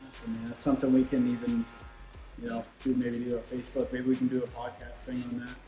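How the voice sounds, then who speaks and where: With a dark, mid-range voice and a completely flat, fast delivery, a man talks shop as a product expert, explaining technical points in a casual, conversational way. The recording is echoey and roomy, with music and running shop machinery in the background.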